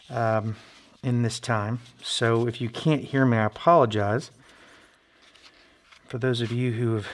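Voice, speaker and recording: A man narrating a casual hands-on build vlog in a halting, low-key, modest way, his voice slightly muffled by a face mask. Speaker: hobbyist knife maker and video host. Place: friend's basement workshop.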